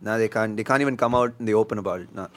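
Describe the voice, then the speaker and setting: A young Indian man, a guest comedian in casual podcast chat, halting and restarting, with dry sarcasm. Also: fairly low pitch.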